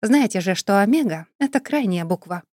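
A woman's voice: medium pitch, lively intonation, fairly quick, a little mellow, no room sound, clean studio sound, natural voice. A woman reading an audiobook voices a cool-headed young businesswoman who speaks curtly and indignantly. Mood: businesslike. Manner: curt and indignant, raised voice.

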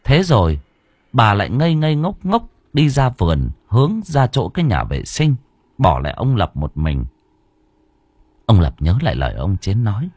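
Man, horror story narration, dramatic, lively pitch, dry sound. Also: breathy edge, dry recording. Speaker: audiobook narrator.

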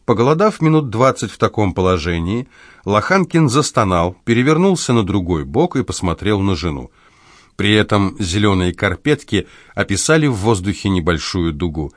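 A man reading an audiobook in a measured, even delivery. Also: fairly low pitch, dry recording, studio quality. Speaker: audiobook narrator. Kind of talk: scripted audiobook narration.

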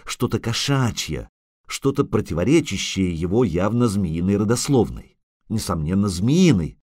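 A man narrating a fantasy audiobook in an expressive, measured storytelling manner. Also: fairly low pitch, no echo, clean studio sound.

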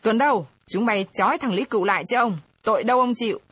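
A woman's voice: on the high side, fast talker, a bit bright, slightly rough, no echo, pitched above the performer's own voice. A woman reading aloud, voicing an arrogant, drunk male village council head who talks in a domineering way. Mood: shouting. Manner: bossy, domineering.

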